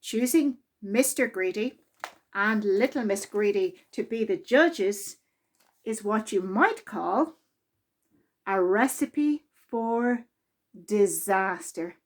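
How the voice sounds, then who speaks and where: At medium pitch, a female storytime reader works through a children's storybook. Her delivery is measured and full of expression, meant for a young audience.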